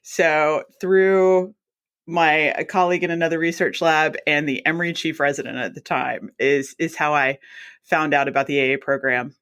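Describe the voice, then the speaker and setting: A woman's voice: low-pitched, fairly even intonation, moderate pace, fairly bright tone. Chatty woman from South Mississippi. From South Mississippi, USA. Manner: chatty storytelling, quotes herself and others. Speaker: guest, anesthesiologist assistant. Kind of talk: casual interview.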